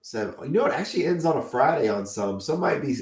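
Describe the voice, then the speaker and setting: A man's voice: on the high side, animated, fast talker, over a noisy crowd. Man losing his voice, echoey room. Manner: enthusiastic, opinionated collector talk. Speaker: podcast co-host. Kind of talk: casual chat.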